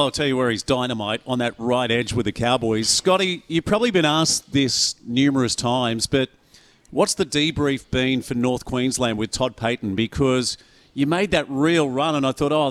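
An Australian man hosting a sports radio interview, chummy and effusive, stretching key words for emphasis. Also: medium pitch. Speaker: radio sports show host.

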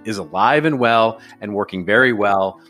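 Man, texan accent, very low voice, rambling casual podcast chat, faint guitar music behind. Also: moderate pace, sharp tone. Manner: rambling, hesitant with many fillers. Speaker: regular guest, strategy advisor.

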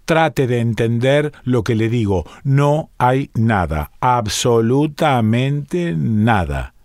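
A man's voice: mid-range voice, animated, slow, a little mellow, dry recording. Guy reading as a snooty mystic man, condescending, dry close sound. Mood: insistent. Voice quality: haughty, condescending. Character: scornful aloof male mystic, self-styled initiate. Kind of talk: audiobook reading.

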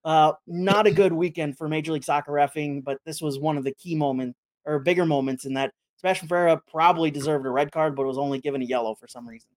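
Higher-voiced American man hosting a sports podcast. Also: quick pace. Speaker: sports podcast host and match broadcaster. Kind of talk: sports podcast talk with schedule announcements.

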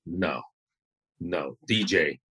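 A man who is a photographer, a guest in a casual interview, speaking in a relaxed, rambling way with many fillers. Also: sits low, extremely slow, husky.

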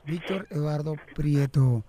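A man hosting a radio show, telling jokes in a playful, teasing way and then talking gently with a caller. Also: a little high, slow pace. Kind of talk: joke telling and caller interview.

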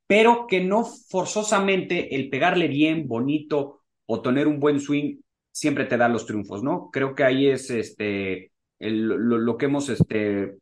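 A man co-hosting a casual golf podcast, talking in long rambling sentences full of fillers. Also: medium pitch. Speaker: podcast co-host.

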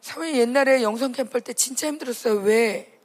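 A woman's voice: a little high, fast talker. A woman preaching to young people at a camp, emphatic, often asking the audience questions. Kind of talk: sermon.

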